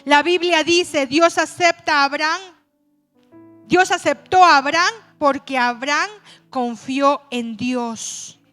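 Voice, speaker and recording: A woman pastor preaching a sermon, telling a personal story in a chatty way and slowing down to stretch words for emphasis. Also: sits high, pushed and bright, faint music behind.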